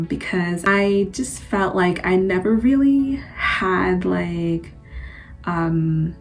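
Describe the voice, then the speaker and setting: A young woman from Antigua, born in Guyana, chatting casually to her channel in a relaxed, rambling way. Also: on the low side. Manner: chatty, relaxed, loose with fillers. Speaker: channel host. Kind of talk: casual personal vlog.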